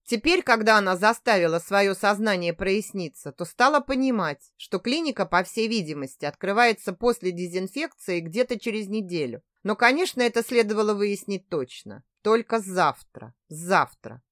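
A woman narrating an audiobook in a measured, expressive reading. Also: medium pitch, no echo, clean studio sound. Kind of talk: scripted narration.

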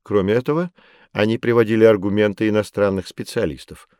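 In a clean, dry studio recording, a middle-aged man with a fairly low voice takes on the lightly acted role of a history expert. Speaking into a studio microphone, he patiently walks children through the past at a calm, measured pace for a scripted educational audiobook.

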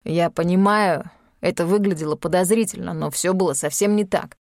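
A woman's voice: on the low side, moderate pace, a little mellow, dry recording, clean studio sound, natural voice. A woman reading an audiobook, voicing a brusque, irritable young man who snaps and then pleads. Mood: defensive. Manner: gruff, snapping, then pleading. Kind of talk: audiobook character voice.

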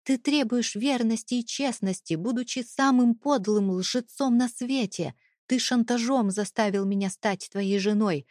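A woman voicing a trapped young wife who fights back with raised, shouting accusations. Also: fairly high pitch, animated, a little slow, husky, no echo, clean studio sound, pitched above the performer's own voice. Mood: defiant.

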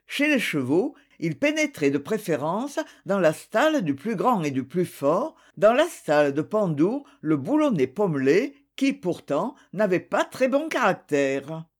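A storybook narrator reads a children's tale at an unhurried pace. The reading is measured, and the pitch rises and falls with lively expression. Each phrase is given time to land. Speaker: audiobook narrator.

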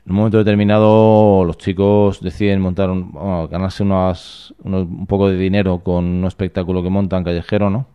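A man reading a novel aloud and commenting on it, in a measured, reflective way that leans on tag questions. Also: low-pitched, little pitch movement, clear, resonant tone, muffled recording. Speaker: book reader and commentator.

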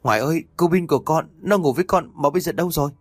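A man's voice: a little high, very fast, breathy edge, no room sound, clean studio sound, pitched above the performer's own voice. A man doing a frantic tearful young mother. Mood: panicked.

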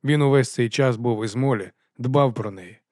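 A man narrates a first-person fantasy audiobook in a measured, quiet manner. His voice sits at a medium pitch, recorded close and dry. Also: no room sound.

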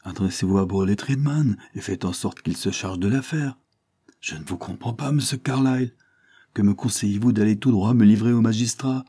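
A man voicing a frightened young man on the run, talking in an agitated, pleading, high-strung way. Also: moderate pace, dark tone. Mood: anxious.

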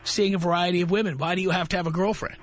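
A man's voice: high voice, steady tone, racing, a little hiss or hum. A man hosting a call-in radio show, blunt and lecturing, cutting in on callers. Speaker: radio talk show host.

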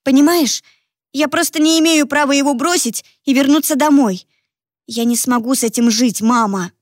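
A woman reading as a determined young woman, earnest and pleading, her voice sitting a little high. The delivery is close and dry, with no room around it. She sounds guilty but does not give ground. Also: normal speed, no room sound, close to an everyday voice. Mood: urgent.

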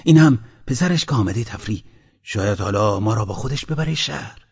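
A man's voice: on the low side, animated, gravelly, darkish tone, husky, heavily acted. A man voicing a poor village father who talks in a raised, urgent voice. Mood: hopeful. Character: poor village father, hopeful then bitter. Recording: dull lo-fi audiobook recording.

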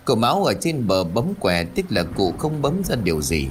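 A man reading a ghost story audiobook aloud, voicing each villager with his own shifts of pitch and pace. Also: very animated, moderate pace, slight background noise. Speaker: audiobook narrator.

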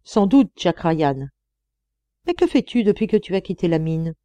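A woman voicing an older male mining engineer, speaking in a measured, fatherly way. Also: fairly low pitch, big pitch swings, dark tone, no room sound.

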